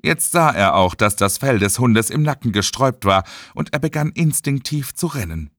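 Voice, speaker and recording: A man reading an audiobook as narrator in a dramatic, expressive way. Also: mid-range voice, moderate pace, no room sound, clean studio sound. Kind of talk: scripted narration.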